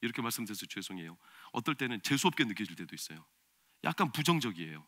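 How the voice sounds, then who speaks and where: A man preaching a sermon as pastor, swinging between loud, emphatic preaching and quiet, confiding storytelling. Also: mid-range voice, very animated, quick pace. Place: church sanctuary.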